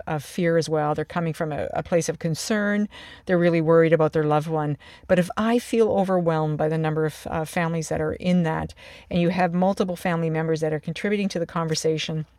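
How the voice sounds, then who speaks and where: A clinician from the emergency department gives a steady, unhurried lesson. Phrases often restart and words repeat. The voice sits at a middling pitch and sounds close and dry, with no room echo. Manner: calm, measured, with frequent restarts and repeated words. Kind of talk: instructional talk on calming angry patients.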